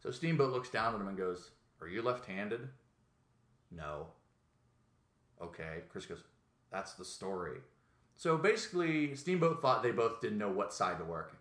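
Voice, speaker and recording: A man's voice: fairly low pitch, sing-song, measured pace, long pauses, a bit bright, echoey room. A man hosting a podcast in casual chat, telling rambling, profane stories with quoted voices. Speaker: podcast host.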